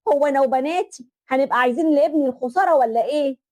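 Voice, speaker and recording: A woman's voice: high-pitched, rapid-fire, lightly acted. A woman voicing a meddling, domineering mother-in-law who scolds her son, with an Egyptian accent. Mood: scolding. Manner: scolding, sharp.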